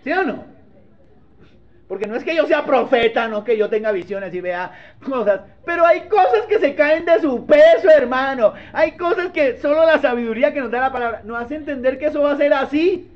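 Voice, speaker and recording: A man's voice: very high-pitched, normal speed. A male pastor giving a conversational sermon, often asking his listeners to agree and acting out short dialogues, in a dull lo-fi recording. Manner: acts out little dialogues.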